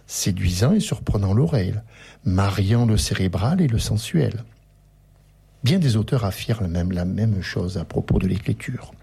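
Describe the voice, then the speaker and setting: A male radio interviewer with a rough, gravelly and husky voice. His tone is dark and mellow, and his pitch rises and falls in a lively way as he reads book passages aloud with animated emphasis. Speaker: radio host.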